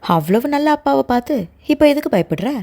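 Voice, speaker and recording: Calm young man from an audio novel, reassuring and teasing, voiced by a woman narrator; mellow, lively delivery. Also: medium pitch, normal speed.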